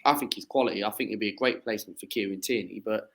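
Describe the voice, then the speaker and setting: This is a man in his twenties from southeast England, a football fan appearing as a guest on a podcast. His voice is on the low side, creaky and fairly bright, and he talks fast, rambling through casual chat full of fillers and restarts. The audio quality is poor.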